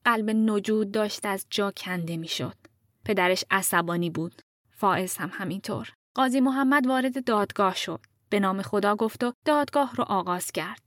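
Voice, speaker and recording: A woman's voice: medium pitch, a bit bright, no echo. Woman narrating a story, dry close sound. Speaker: podcast narrator.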